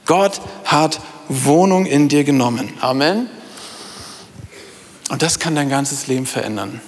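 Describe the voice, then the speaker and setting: A man's voice: medium pitch, animated, a little slow, slight background noise. A middle-aged man preaching a sermon, speaking emphatically and addressing his congregation directly. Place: church hall before a congregation. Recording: reverberant hall sound.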